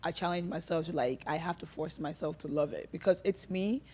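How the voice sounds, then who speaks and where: A Nigerian woman with a deep, darkish voice talks briskly, with a faint hiss or hum in the audio. She's a guest on a casual podcast interview, chatting and rambling, packing her speech with fillers and laughing often.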